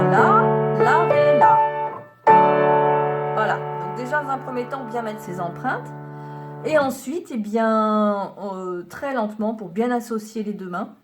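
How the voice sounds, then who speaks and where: A woman piano teacher giving a patient lesson, counting beats aloud and naming notes and fingerings as she plays. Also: mid-range voice. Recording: piano playing loudly behind the voice.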